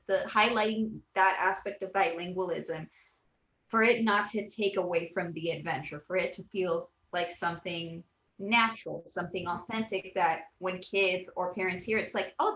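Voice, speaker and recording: A Puerto Rican woman in her thirties, an animation creator, earnestly answers questions in a casual interview, full of fillers and restarts. Her voice is mid-range and fairly bright, with roomy echo in the recording.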